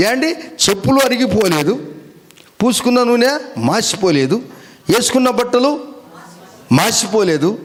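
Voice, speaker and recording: A man's voice: high-pitched, a little hiss or hum. A male pastor preaching a Sunday sermon, calling out for hallelujahs and firing questions at his listeners. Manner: calls out for hallelujahs and amens; fires rhetorical questions at the listeners.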